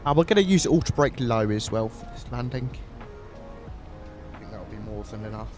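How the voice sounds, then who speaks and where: With music playing underneath, a man streams himself flying a flight simulator and chats casually with his audience, thanking viewers by name in a friendly way. His lowish voice has lively intonation at a moderate pace, and a cold has left his nose stuffy.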